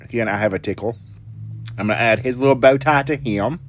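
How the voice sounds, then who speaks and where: A man's voice: mid-range voice, brisk, a little hiss or hum. Chatty man walking through a craft. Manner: chatty, self-deprecating, folksy asides to viewers. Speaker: card-making tutorial host. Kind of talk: casual crafting tutorial voice-over.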